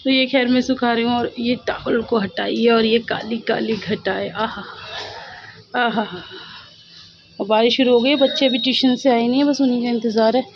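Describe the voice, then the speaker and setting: A woman's voice: on the high side, fairly even intonation, a little fast, hardly any pauses, highs cut off, a little hiss or hum. A middle-aged woman from India chatting casually and animatedly to her viewers in a home vlog. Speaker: vlogger. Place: at home, indoors.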